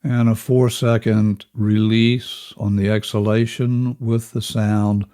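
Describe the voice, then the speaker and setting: Very slow-paced man guiding a breathing exercise. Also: fairly low pitch, level tone, dark tone, clean tone. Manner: measured, instructional, counting out steps. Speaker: relaxation and breathing instructor, host. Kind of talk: guided breathing lesson.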